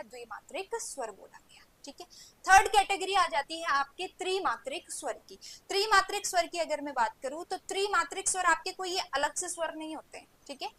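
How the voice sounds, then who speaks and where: A woman's voice: high-pitched, sharp tone, low-quality recording. A young woman teaching an online Hindi grammar class, asking her students questions and answering them herself, with frequent "okay"s. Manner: asks rhetorical questions and answers them, repeating "ठीक है" often. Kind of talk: online coaching class lecture.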